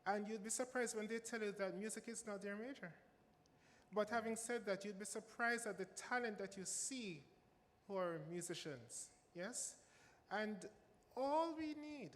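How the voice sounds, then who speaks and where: A music professor with a Jamaican accent gives panel remarks in a high, a bit bright voice with lively intonation, unhurried. He is emphatic and repeats phrases for stress. The hall is reverberant with faint ambience.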